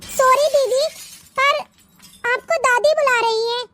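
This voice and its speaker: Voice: extremely high pitch, fairly even intonation, takes it slowly, bright, forceful tone, slight background noise, exaggerated voice. A performer voicing a meek younger sister who speaks earnestly and pleads to be believed in a cartoon story.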